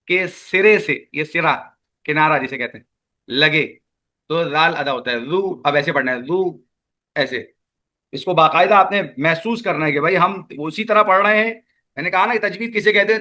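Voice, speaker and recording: A man teaching Quran recitation in an online class, with a Pakistani Urdu accent, patiently repeating sounds slowly for students to echo. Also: high-pitched, bright, forceful tone.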